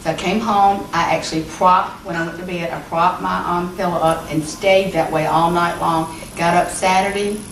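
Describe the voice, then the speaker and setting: A woman in her fifties, giving a patient testimonial, answers interview questions conversationally with hesitant fillers. Her voice is on the low side and steady, at normal speed with hardly any pauses. She is far from the mic in an echoey room with background noise.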